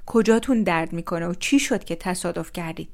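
A woman's voice: lowish voice, close to an everyday voice. A woman voicing a male police officer who questions people firmly and seriously in a read-aloud story. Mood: stern. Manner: firm and serious.

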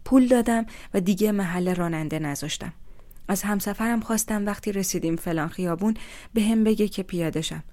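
Young woman telling her own story, kinda low voice, steady and thoughtful. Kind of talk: first-person storytelling.

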